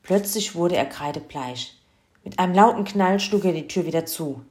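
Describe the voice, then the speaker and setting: A woman reading a children's Christmas story aloud in a lively, expressive way. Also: lowish voice, moderate pace.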